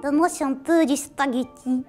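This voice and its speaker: A woman's voice: sits high, steady tone, normal speed, music in the background, pitched above the performer's own voice, natural voice. A woman ventriloquist voicing a cheeky, boastful male puppet who is naive and tactless. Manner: naive, tactless, self-important. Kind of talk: ventriloquist act.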